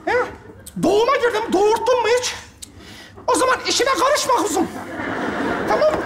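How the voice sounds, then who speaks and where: A woman's voice: very high-pitched, lively intonation, a little fast, crowd noise. A woman playing a bossy midwife in a stage sketch comedy, scolding and talking down to others. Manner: bossy, scolding, calls people "yavrum" and "kuzum". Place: theater stage before a live audience. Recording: live stage with loud audience, echoey hall.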